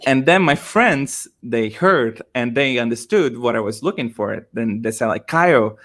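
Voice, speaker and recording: A man who learned English as a second language tells a funny story about his own mistake in a relaxed panel chat. He speaks at a middling pitch, with plenty of fillers as he goes. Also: moderate pace. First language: not English. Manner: self-deprecating storyteller, many fillers.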